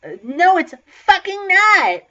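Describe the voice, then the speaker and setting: A woman's voice: high-pitched, expressive, normal speed, fairly bright tone. A woman voicing an indignant teenage boy wizard who rants and swears, recorded lo-fi. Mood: ranting. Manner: ranting, profane, indignant. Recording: lo-fi, dull sound.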